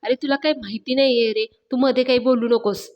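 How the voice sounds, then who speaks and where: A woman's voice: fairly high pitch, fairly even intonation, fairly quick, highs cut off, natural voice. Woman voicing a boastful hot-tempered young man. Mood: defensive. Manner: defensive, taunting.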